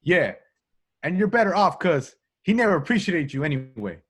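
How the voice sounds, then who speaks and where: A man's voice: fairly high pitch, sing-song, normal speed, a bit bright, slightly rough, full character voice. A man reading the part of a brash, skeptical young rookie agent at an amateur table read, informal and incredulous. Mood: indignant.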